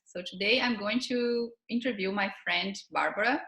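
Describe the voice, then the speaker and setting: A woman's voice: mid-range voice, normal speed, bright, forceful tone, echoey room, poor audio. A woman in her thirties hosting a videocast, friendly and conversational, talking with a guest over a video call from home. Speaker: host. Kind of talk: remote video interview.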